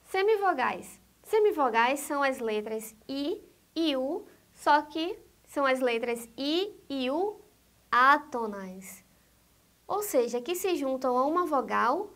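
Slow, high-voiced Brazilian woman teacher. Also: animated, fairly bright tone. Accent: Brazilian Portuguese. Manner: slow, deliberate, repeats each example word. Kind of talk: recorded grammar lesson.

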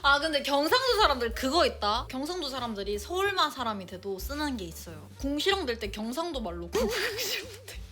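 A young woman streamer chatting casually, reacting with quick exclamations and teasing remarks. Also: high-pitched, sing-song, sharp tone. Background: background music.

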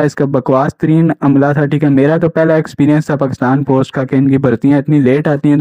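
A man's voice: on the high side, warm tone, no room sound. A young man, indignantly recounting his experience as a jobs channel host and often checking in with "right?". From Pakistan. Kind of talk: casual first-person account to camera. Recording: dull lo-fi recording.

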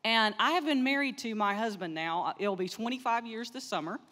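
A woman's voice: a little high, fairly quick, bright, forceful tone. A middle-aged woman telling a story in a chapel talk, easygoing and chatty. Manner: easygoing, chatty with fillers and laughs. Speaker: speaker, counselor. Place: large chapel. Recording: long hall reverb.

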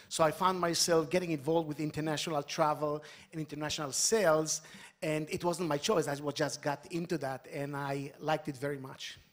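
Male panelist, somewhat high voice, plain explanatory tone.

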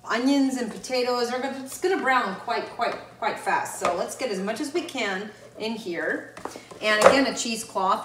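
A woman's voice: a little high, a bit bright, far from the mic. Woman in her thirties, chatty cooking demo, home kitchen, roomy echo, voice a bit off-mic. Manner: chatty, instructive, talks while working. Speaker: guest chef. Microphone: camera across the kitchen. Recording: echoey kitchen, voice from off-mic, faint noise.

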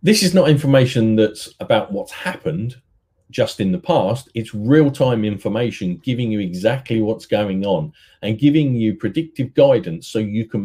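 A middle-aged man giving a steady, rehearsed sales presentation at an online conference, talking to his webcam from an indoor room. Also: lowish voice, breathy edge. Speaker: business development manager.

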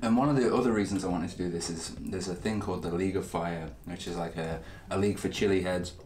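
Deep-voiced chatty man, echoey room. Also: steady tone, quick pace, darkish tone, slight background noise. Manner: chatty, self-deprecating, talks with mouth full. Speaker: channel host. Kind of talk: casual chat while eating.

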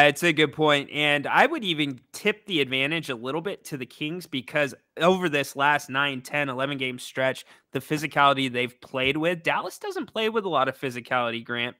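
A young man with a bright, fairly high voice co-hosts a basketball postgame show. He is upbeat, asks eager questions and agrees readily, recorded dry on a desk mic. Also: expressive, moderate pace, no room sound. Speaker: co-host.

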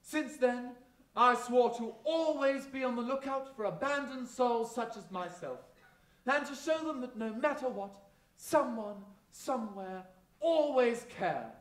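Man as a high, swooping pantomime dame. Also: animated. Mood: mock-tragic. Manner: theatrical, grandiose, drawn-out delivery. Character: flamboyant, boastful female tooth fairy godmother with sinister edge. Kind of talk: live stage pantomime monologue with audience banter. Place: large theatre stage, indoors. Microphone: distant camera in the audience. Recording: echoey noisy theatre recorded from the audience.

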